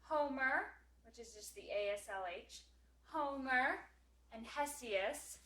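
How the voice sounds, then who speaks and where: A woman's voice: high voice, takes it slowly, fairly bright tone, roomy sound, poor audio. A woman tutor walking through memory work, explaining hand motions and singing skip counts. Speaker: homeschool class tutor.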